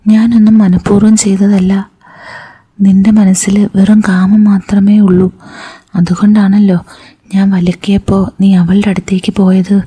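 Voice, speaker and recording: A woman's voice: mid-range voice, little pitch movement, moderate pace, warm tone, breathy edge. A woman voicing a stern, offended young woman teacher in a whispered role-play, talking curtly and scolding. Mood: stern, cold. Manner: curt and scolding.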